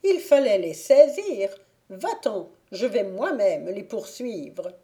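Imperious fairy voiced by a woman, shrill, commanding, shouting, slow storybook delivery. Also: very animated. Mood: furious. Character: furious imperious female fairy captor.

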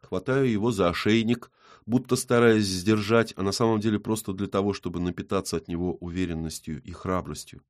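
A man reads a first-person audiobook in a gritty, tense way. His voice sits fairly low and he carries the action along. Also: steady tone, brisk. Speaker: audiobook narrator.

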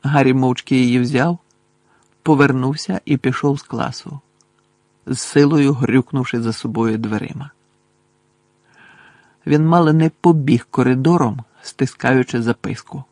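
Gravelly male audiobook narrator. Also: medium pitch, steady tone, unhurried, pauses often, darkish tone, no room sound.

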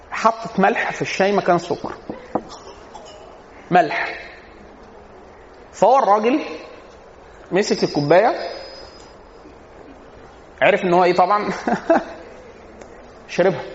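A man's voice: high voice, slight background noise. A man with an Egyptian accent giving a casual religious lecture on family life. He talks with humor and keeps answering his own rhetorical questions. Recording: echoey hall, dull lo-fi sound.

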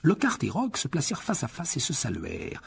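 A man reading a children's fantasy novel aloud as audiobook narration, in an expressive storytelling manner. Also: a little high, fast, gravelly, a little hiss or hum. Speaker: audiobook reader. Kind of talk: scripted narration.

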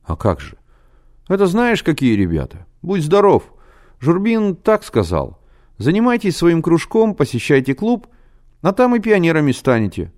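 A man's voice: on the high side, wildly swooping pitch, normal speed, darkish tone, voice pushed up. A man doing an eager, bossy boy. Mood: insistent.

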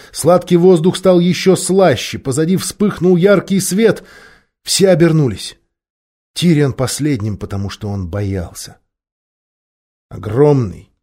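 A man narrating a children's storybook in an expressive, measured reading. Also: mid-range voice. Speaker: audiobook reader.

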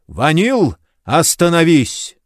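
Man doing a cornered rogue, loud, commanding; audiobook. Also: fairly high pitch, huge pitch swings, slow, no room sound, studio quality, pitched above the performer's own voice, full character voice. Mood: urgent. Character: sly rogue adventurer, bold and cornered.

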